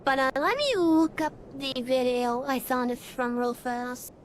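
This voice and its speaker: A woman's voice: sits high, a little slow, slight background noise. A streamer in casual, rambling chat with many fillers, her voice run through an AI voice changer. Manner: rambling, chatty, frequent fillers.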